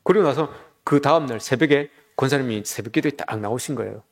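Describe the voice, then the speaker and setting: A man's voice: mid-range voice, fast talker. A man preaching a sermon, telling a story and speaking directly to his congregation. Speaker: pastor.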